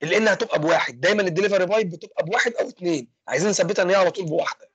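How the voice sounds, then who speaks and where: A young man with an Egyptian accent teaching an engineering class online. He talks fast and keeps asking questions and then answering them himself. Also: high-pitched, fairly bright tone, breathy edge, no echo, lo-fi sound. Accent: Egyptian Arabic. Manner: fast, asks and answers his own questions. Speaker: engineering lecturer. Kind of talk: online lecture with student questions.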